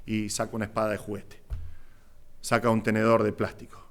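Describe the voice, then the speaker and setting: A male pastor with a Rioplatense Spanish accent, preaching an impassioned sermon that swings between loud exclamations and hushed asides. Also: on the low side, monotone, fairly quick, creaky, soft background music. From Argentina.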